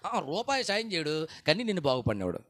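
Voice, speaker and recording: A male pastor with a coastal Andhra Telugu accent preaching at a fasting prayer meeting, firing rhetorical questions and repeating his points for emphasis. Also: a little high, big pitch swings, a bit bright, dry recording, clean studio sound. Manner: acts out quoted voices of churchgoers.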